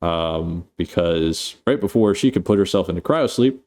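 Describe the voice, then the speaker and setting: A man's voice: low voice, animated, normal speed, darkish tone. A man casually recapping a movie plot, rambling and swearing, full of fillers and restarts. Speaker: movie reviewer.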